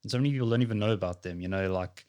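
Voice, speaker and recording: A man's voice: lowish voice, racing, a little mellow. A man hosting a casual chat, easygoing and friendly, calling his guest dude. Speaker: podcast host.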